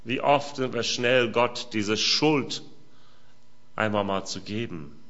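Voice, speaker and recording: Male preacher doing a sermon, asks the crowd questions, bright voice, dull lo-fi audio. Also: fairly low pitch, takes it slowly. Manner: addresses listeners directly with rhetorical questions. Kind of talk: sermon with Bible reading. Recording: dull lo-fi sound.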